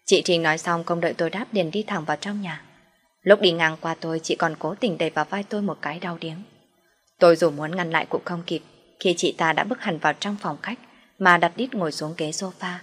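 A woman reading a first-person audio story aloud. Her voice sits somewhat low and she keeps a steady, even storytelling pace. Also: brisk, slightly rough, faint music behind. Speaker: story narrator.

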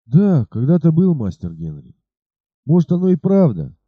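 Guy doing a gruff bearded bandit leader, storybook reading, dry close sound. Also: fairly high pitch, very animated, moderate pace, no room sound, phone-quality sound, pitched above the performer's own voice. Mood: pleading. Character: fierce bearded male robber chief, later remorseful.

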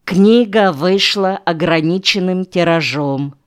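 Slow, smooth-voiced woman reading an audiobook. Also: lowish voice. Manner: unhurried, measured reading with pauses between phrases. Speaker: audiobook reader. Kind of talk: audiobook narration.

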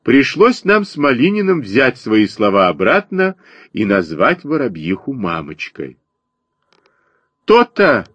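Husky man reading a children's story. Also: medium pitch, a little slow, no room sound, highs cut off. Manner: expressive first-person reading. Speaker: audiobook reader. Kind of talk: storybook narration.

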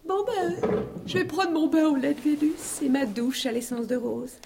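A woman's voice: sits high, expressive, normal speed, vocal fry, a little mellow, slight background noise. An actress playing a brash, slangy courtesan who mocks everyone around her, in a 1980s radio drama. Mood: scornful. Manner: slangy, cackling, mocking. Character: brash mocking woman, a kept courtesan queen of Paris.

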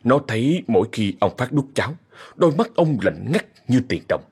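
A man with a Southern Vietnamese accent narrating a horror story in a measured, ominous way. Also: medium pitch, breathy edge.

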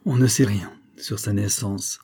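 A man voicing a reserved young captain who speaks in a guarded, measured way. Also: lowish voice, fairly even intonation, creaky, mellow, breathy edge, full character voice. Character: reserved young male captain, calm and brooding.

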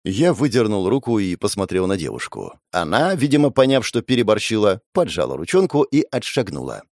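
A man's voice: fairly low pitch, very animated, fairly quick, a little mellow, no echo, clean studio sound. A man narrating a first-person fantasy audiobook in a sardonic, crude, wry way.

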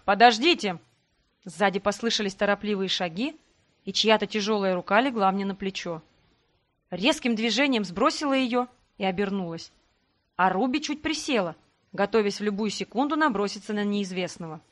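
A woman narrating a first-person fantasy novel in a calm, even storytelling manner. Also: medium pitch, moderate pace. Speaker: audiobook narrator.

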